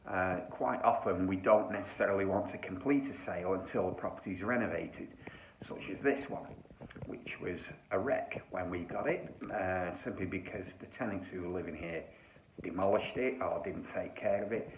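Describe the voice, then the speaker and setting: A man's voice: sits low, moderate pace. A man giving an informal, blunt explainer to camera, speaking conversationally inside a bare, echoey house under renovation. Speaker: property buyer answering questions on video. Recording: echoey bare room, muffled, faint noise.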